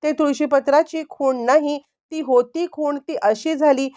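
A woman's voice: high voice, fairly even intonation, a little slow, mellow, pitched above the performer's own voice. A woman voicing a young wife who is accused and answers with evasive pleading, in a storybook recap.

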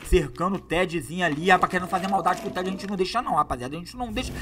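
A man doing excitable, slangy live gameplay commentary as a gaming YouTuber, hyping up his viewers. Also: high-pitched, rapid-fire, crowd noise.

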